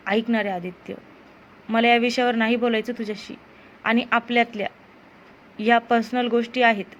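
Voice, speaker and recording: A conflicted young woman in love, soft and pleading in a fairly high voice, as a woman narrator gives her lines. The audio is a bit dull, with faint background hiss. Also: fairly even intonation, moderate pace, lightly acted. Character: young woman, torn, tearful lover.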